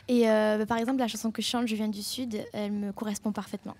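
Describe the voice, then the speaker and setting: A woman's voice: medium pitch, level tone, fast, a little mellow. A young woman, a singer, answering interview questions earnestly with fillers. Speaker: singer guest. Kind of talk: studio interview. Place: TV studio set. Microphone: handheld mic.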